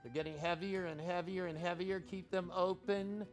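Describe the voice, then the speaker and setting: A man working as a stage hypnotist in a live show, giving deliberate, commanding countdowns and repeated suggestions. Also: high voice, soft background music. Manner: shouts excited commands to start the action.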